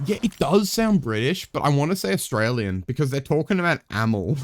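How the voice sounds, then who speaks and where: A man's voice: medium pitch, very animated, fairly quick, no echo. A young man live-streaming a game, chatting casually in a rambling way, swearing freely, with wry asides to his viewers.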